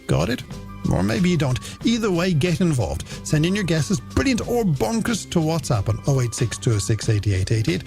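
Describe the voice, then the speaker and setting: An Irish man DJs a late-night radio music show, delivering game segments and shout-outs with theatrical, playful polish. His fairly high voice is sing-song and a little mellow, with vocal fry, at normal speed. Music runs under his voice.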